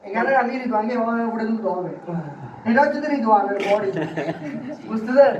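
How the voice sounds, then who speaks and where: A man's voice: high voice, quick pace. Man, classroom teacher, quizzing students, distant mic, dull muffled sound. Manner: keeps quizzing students, call-and-response drilling. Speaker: Urdu grammar teacher. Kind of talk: classroom lecture. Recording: roomy, distant, dull and slightly noisy.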